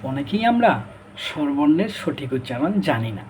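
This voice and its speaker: A man teaching a pronunciation lesson, saying each sound slowly and repeating it several times and asking the class simple questions. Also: on the high side, very animated, darkish tone, a little hiss or hum. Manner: explains patiently with questions to the class.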